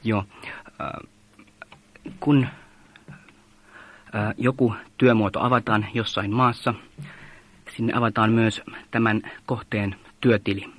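A man patiently explaining how donations are handled, in a measured way with frequent hesitation sounds. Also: fairly low pitch, fairly even intonation. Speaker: mission organization leader. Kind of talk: explaining in an interview.

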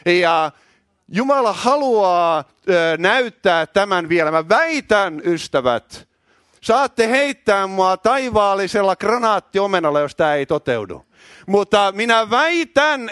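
A man of middle age delivers a charismatic sermon in a church, shouting with fervour. His voice sits high, and the recording is dry, with little room sound. He repeats words when he gets carried away. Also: dry recording. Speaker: preacher.

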